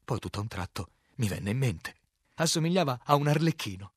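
A man narrating a novel as an audiobook, reading in a measured, clear way and acting out the quoted lines. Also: medium pitch, lively intonation, no room sound, clean studio sound.

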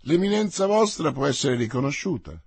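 A guarded musketeer officer who gives little away, as a man reads him. His voice sits low and husky, recorded close and dry. He speaks in a restrained, measured way. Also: big pitch swings, darkish tone, no room sound, exaggerated voice. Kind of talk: audiobook character voice.

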